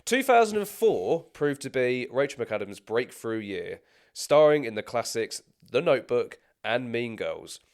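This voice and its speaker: A man's voice: mid-range voice, very animated, measured pace. Chatty man hosting a film podcast. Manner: chatty, stumbling restarts, frequent laughter. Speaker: podcast co-host. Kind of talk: casual film podcast chat and scripted career rundown.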